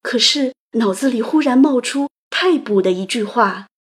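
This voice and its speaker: A woman host narrating a literary story in a delicate, gentle, romantic manner. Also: on the high side, animated, normal speed, husky. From China. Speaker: audio program host and narrator.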